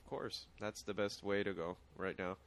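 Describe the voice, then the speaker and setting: A man's voice: lowish voice, flat delivery, moderate pace, a bit bright. Stuffy-nosed male podcast co-host. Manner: blunt, opinionated. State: stuffy nose. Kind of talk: casual tech chat.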